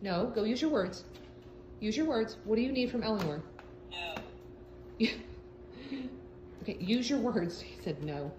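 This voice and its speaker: A woman's voice: mid-range voice, animated, a little slow, long pauses, roomy sound, background noise. Patient woman coaxing her dog. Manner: patient, coaxing, asks the same question again and again. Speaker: dog owner. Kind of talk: casual talk to a pet.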